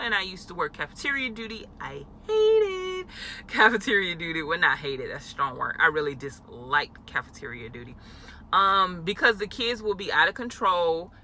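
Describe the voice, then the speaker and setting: A young adult woman who teaches elementary school chats casually in a talking-head vlog, dropping in frequent fillers and laughs. Her voice is lowish with a sharp tone.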